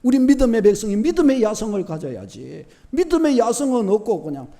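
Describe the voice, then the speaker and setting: Male pastor, high lively voice, dramatic sermon delivery swinging from quiet to loud. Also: a little fast. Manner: animated, shifts from soft to loud, acts out short dialogues. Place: church sanctuary.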